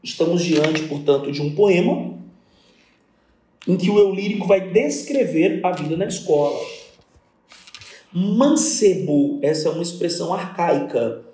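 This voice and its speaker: A man's voice: fairly high pitch, normal speed, dark tone, distant mic. A man with a Brazilian Portuguese accent teaching a poetry lesson, counting lines and syllables aloud and answering his own imagined student questions. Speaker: literature teacher. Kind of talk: recorded exam-prep lesson on poetry. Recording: very echoey room.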